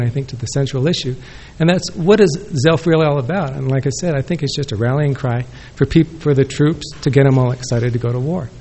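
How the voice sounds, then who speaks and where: Speaking into a podium microphone in a conference room full of listeners, a man gives a rambling answer at an academic conference, correcting himself as he goes. His voice is fairly high-pitched with a darkish tone.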